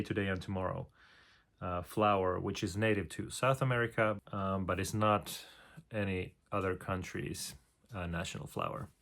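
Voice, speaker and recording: Walking through how he composes, a man whose first language is Finnish hums brief melodies and often stalls on filler words. He explains haltingly, as if searching, in a low, gravelly, creaky voice that still carries a fairly bright tone.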